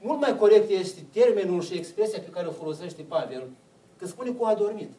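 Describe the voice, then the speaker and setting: A man's voice: sits high, lively intonation, dark tone, reverberant, distant mic, low-quality recording. A man preaching a sermon, putting questions to the congregation and answering them himself.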